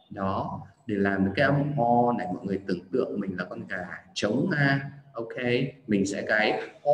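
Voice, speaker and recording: Low-voiced man teaching pronunciation, echoey. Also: a little hiss or hum. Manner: chatty, demonstrates sounds by repeating words slowly. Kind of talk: livestream pronunciation lesson.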